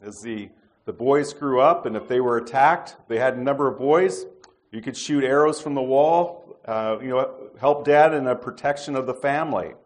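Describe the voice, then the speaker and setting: A middle-aged man with a mid-range voice delivers a sermon conversationally, pausing on fillers and restarting his sentences.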